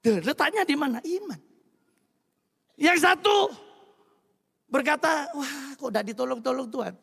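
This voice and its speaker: A man's voice: extremely high pitch, creaky. A man from Madura with an East Javanese accent, a pastor preaching a humorous sermon and slipping into voices for his anecdotes. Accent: East Javanese Indonesian with Madurese flavor. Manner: animated, jumps between voices in anecdotes. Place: church hall. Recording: reverberant church hall.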